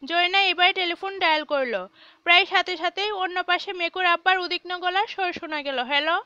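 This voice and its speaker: A woman reads a children's novel aloud in a lively, expressive storytelling manner. Her voice is very high and bright. The recording is dry and a touch dull. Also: a little fast, no room sound. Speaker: audiobook narrator. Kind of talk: storytelling narration.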